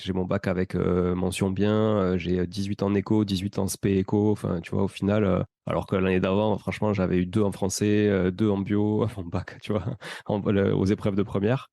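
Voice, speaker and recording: A man in his thirties with a Toulouse accent, telling his life story as a podcast guest in a relaxed, rambling way with many fillers. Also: low voice, vocal fry, dry recording, studio quality. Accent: Toulouse French. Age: 30s. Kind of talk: casual conversational storytelling.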